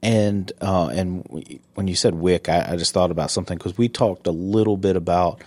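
A man's voice: low-pitched, normal speed, darkish tone, no room sound. A man from South Carolina hosting a county podcast interview, easygoing and teasing, often restarting his sentences. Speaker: podcast host. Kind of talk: casual interview chat.

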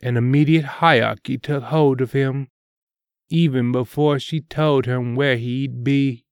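A man narrates a dramatic serial tale as its host. His delivery is slow and deliberate, with a middling pitch. The sound is dry and close, with very little room in it. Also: fairly even intonation, smooth, no echo. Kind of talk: scripted dramatic story narration.

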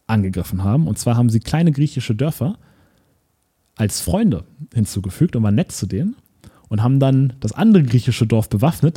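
A man's voice: medium pitch, husky. A man co-hosting a podcast, talking casually and animatedly, often restarting words and mixing in English terms. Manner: animated, self-correcting, mixes English words. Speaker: podcast co-host.

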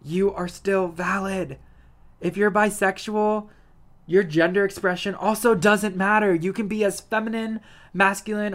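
A man's voice: high voice, a bit bright. A young man in his twenties talking casually and earnestly to his viewers, with lots of "like" as filler. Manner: earnest, affirming, heavy use of "like". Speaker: vlogger. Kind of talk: casual personal talk to viewers.

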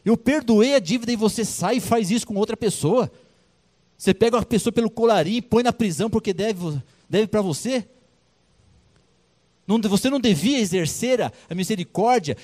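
A man's voice: high-pitched, quick pace, a little mellow, voice pushed up, close to an everyday voice. A man voicing a king in a retold parable, blunt and colloquial, switching between forgiving and furious. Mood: indignant. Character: forgiving yet angry male king, brusque.

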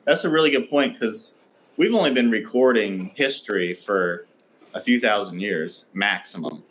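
A man's voice: on the low side, expressive, normal speed, a bit bright, slight background noise. A man co-hosting a podcast, speculating thoughtfully in casual chat. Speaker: podcast co-host.

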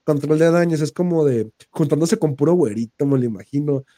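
A man's voice: a little high, brisk, dark tone, no room sound, clean studio sound. Slangy Mexican man ranting on a podcast. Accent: Mexican Spanish. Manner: crude, slang-heavy rant with mocking put-on quote voices. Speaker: podcast host. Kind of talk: casual podcast chat.

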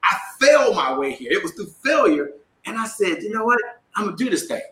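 Emphatic man with a bright, echoey voice. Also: high voice, sing-song, a little fast. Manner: emphatic, call-and-response with the audience. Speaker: sales coach and speaker. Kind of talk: motivational talk to a live audience. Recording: echoey room.

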